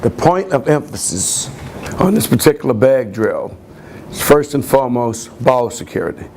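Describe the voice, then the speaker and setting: Gravelly football coach guy walking through drills, a bit of hiss behind. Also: medium pitch, sing-song, moderate pace, a little mellow. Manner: plain, repetitive drill explanation with restarts. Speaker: running backs coach. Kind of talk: coaching instruction.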